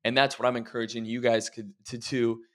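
In an easygoing podcast conversation, a man who sounds like a health coach reflects out loud at an ordinary medium pitch, speaking fairly quickly. He's relaxed and keeps stopping to encourage the people listening.

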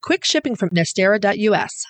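A woman co-hosting a podcast, reading sponsor spots and chatting in a bubbly, excitable way. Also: mid-range voice, brisk, dry recording. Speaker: podcast co-host. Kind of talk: casual podcast chat and ad reads.

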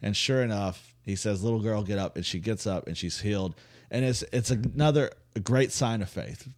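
A man with a fairly low voice, casually retelling a Bible story on a podcast. He is animated and playful, and he slips into voices for the characters. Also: normal speed. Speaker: co-host of a faith podcast.

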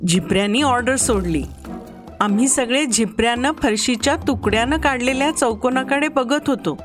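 A woman narrating a children's story, acting out the children's voices with lively shifts. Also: fairly high pitch, moderate pace, music in the background.

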